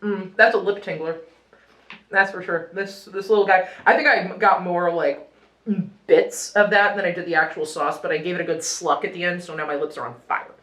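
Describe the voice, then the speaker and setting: A young woman, a radio news presenter whose first language is Ukrainian, giggles, rambles, and reacts to the spicy food while chatting through a hot wing challenge. Her voice is on the low side and a bit bright, at normal speed, in a reverberant space.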